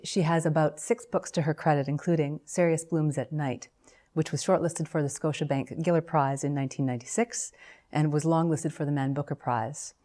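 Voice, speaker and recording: A woman professor hosting an interview, giving a formal introduction and then asking measured questions. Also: low voice, mellow. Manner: measured, formal, reads names and titles.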